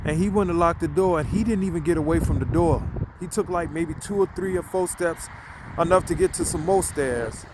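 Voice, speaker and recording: Man, slightly high voice, rambling storytelling, outdoors at night, faint traffic behind. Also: a little fast. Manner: rambling, conversational, repeats himself. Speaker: vlogger. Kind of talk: casual spoken storytelling.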